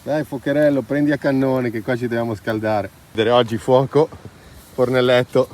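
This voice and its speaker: This outdoor vlogger talks to viewers with easygoing enthusiasm, his medium-pitched voice steady, a little mellow, and at normal speed. The setting is mostly a mountain valley and woods, with noisy ambience all around.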